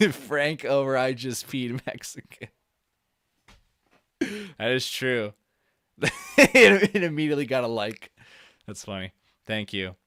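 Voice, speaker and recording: Excitable dude streamer cussing and joking over a vid, voice all over the place, super dry close mic. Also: male voice, medium pitch, takes it slowly, long pauses, dry recording. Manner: excitable, swears, laughs and jokes a lot. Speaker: streamer reacting to videos. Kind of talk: live stream reaction commentary.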